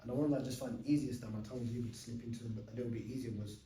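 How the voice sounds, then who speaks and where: A man's voice: mid-range voice, steady tone, very fast, warm tone, a little hiss or hum. Young man chatting eagerly in a roomy space. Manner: chatty, eager, explains at length with many fillers. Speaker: podcast host. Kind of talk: casual podcast chat. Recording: roomy sound from a distant mic.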